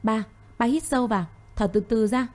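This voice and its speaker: A woman voicing a tearful, pleading young woman in an audio story, with a mellow voice and a slightly raised pitch. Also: steady tone, normal speed, close to an everyday voice.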